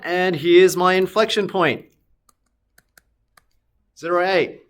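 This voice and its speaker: A man's voice: sits high, fairly bright tone. Man talking through a maths lesson. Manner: talks students through steps, asks and answers own questions; self-correcting while sketching on screen. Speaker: maths teacher. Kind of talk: recorded maths lesson walkthrough.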